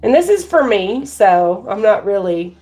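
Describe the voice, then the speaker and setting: A woman's voice: medium pitch, sing-song, a little slow, warm tone. A woman from Texas with a Texan accent, chatting informally in brief, folksy remarks while she demonstrates a craft on a live stream. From Texas, United States. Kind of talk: casual chat while working.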